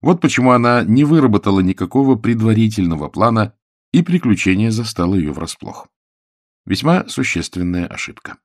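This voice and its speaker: Male storybook narrator, low-pitched, animated, recorded close and dry. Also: a little fast, dry recording. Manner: expressive, animated reading. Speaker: audiobook narrator. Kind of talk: scripted narration.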